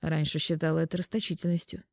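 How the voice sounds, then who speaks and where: A woman's voice: low voice, little pitch movement, fast talker, gravelly, darkish tone, dry recording, studio quality. A woman voicing a pushy young man who haggles, in an audiobook reading. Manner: pushy, wheedling bargaining. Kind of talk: audiobook narration.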